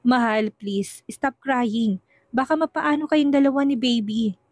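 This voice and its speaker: A woman voicing a gentle, earnest young man who is in love, in a storybook reading. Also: a little high, fairly even intonation, fairly quick, no echo, natural voice. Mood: soothing. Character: tender lovesick young man. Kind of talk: storybook narration.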